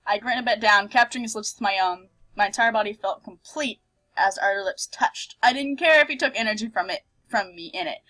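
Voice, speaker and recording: A playful, expressive woman hosting a let's play, switching between reading game text aloud and casual commentary. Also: medium pitch, brisk, rough recording.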